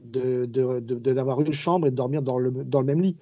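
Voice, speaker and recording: A man's voice: mid-range voice, normal speed, husky, dull audio. A man, a guest commentator, telling anecdotes in a casual podcast chat and acting out the dialogue as he goes. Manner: lively storyteller who acts out dialogue. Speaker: guest, sports and wrestling commentator.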